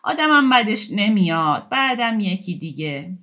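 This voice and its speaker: A woman voicing a coarse, bossy woman who mocks bluntly and slowly. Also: medium pitch, big pitch swings, bright, forceful tone, voice pushed up. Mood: mocking, bossy. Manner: blunt, mocking, slow and pointed.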